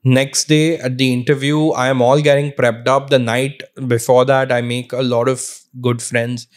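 A man's voice: mid-range voice, normal speed. Indian-accented man telling stories casually. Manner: animated storyteller mixing English with Hindi slang. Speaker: podcast guest. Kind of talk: casual conversational storytelling. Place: small furnished living room, indoors. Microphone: podcast microphone on boom arm, close.

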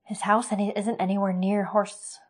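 A woman voicing a young male warrior in a storybook reading, who speaks in a slow, stunned way. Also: mid-range voice, flat delivery, natural voice.

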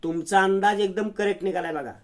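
A man doing an eager rough henchman. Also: high voice, fairly even intonation, brisk, voice pushed up, close to an everyday voice. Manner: eager, rustic speech.

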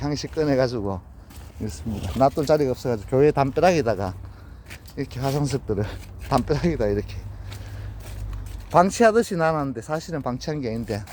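A man with a Gyeongsang Korean accent, giving an unhurried, casual walkthrough of his plants outdoors and in a greenhouse. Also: medium pitch, a little mellow, slight background noise. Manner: plain, unhurried, pointing things out.

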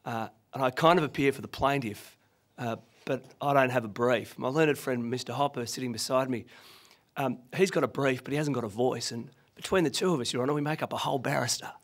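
Speaking into a podium mic in a conference room, an Australian man in his thirties gives a brisk, medium-pitched legal seminar talk. Still husky from having lost his voice, he leans on self-deprecating anecdotes and uses plenty of fillers.

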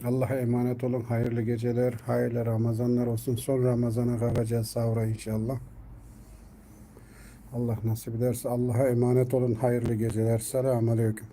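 A man chats casually on a live stream from home, his voice mellow and dark. He keeps calling and coaxing his cat, and faint noise hums behind him. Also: medium pitch, monotone, a little fast.

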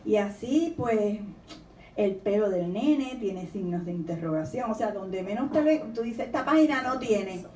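A woman's voice: medium pitch, unhurried, slight background noise. A woman, a children's author, speaking on a panel and reading her poems aloud in a lilting storytelling tone. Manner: expressive, reads questions in a lilting storytelling tone. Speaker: children's author giving a talk. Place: university library lecture room. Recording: echoey room recording from far off.

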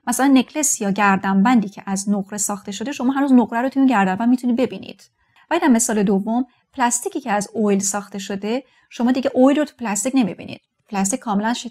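A woman's voice: on the high side, darkish tone. A young woman teaching an English grammar lesson on television, explaining step by step and addressing viewers as friends. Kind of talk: TV language lesson.

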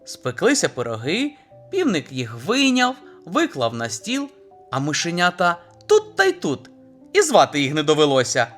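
A man narrating a fairy tale for children in a lively, sing-song way. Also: fairly high pitch, moderate pace, faint music behind. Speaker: storyteller, dad.

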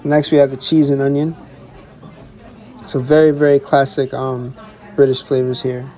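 A young man, a chef and vlogger, casually talking through a restaurant tasting menu with excited repetition and restarts. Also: medium pitch, normal speed, a faint crowd. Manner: enthusiastic, repeats words, restarts.

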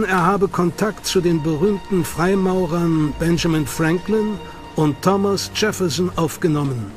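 Backed by a clearly audible music bed, a man narrates a documentary script, pacing it in a measured, dramatic way like a story. For a male voice, his sits fairly high.

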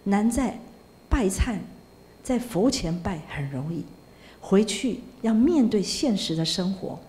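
A woman's voice: medium pitch, lively intonation, slow, mellow, a little hiss or hum. A woman, a Buddhist nun, giving a sermon in a storytelling way, dropping in Hokkien words and tag particles.

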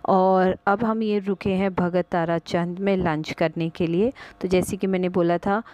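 Slow, low-voiced woman shopping vlogger. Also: fairly even intonation, darkish tone, dry recording, poor audio. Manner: chatty, mixes Hindi and English, frequent "uh" fillers. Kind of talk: casual vlog narration.

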